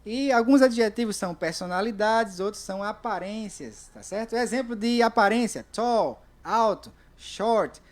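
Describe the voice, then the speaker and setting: A Brazilian woman teaching an online English class, stressing each word slowly and checking in with "ok?" after most points. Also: medium pitch, animated, darkish tone. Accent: Brazilian Portuguese. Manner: repeats words slowly, checks in with "ok?".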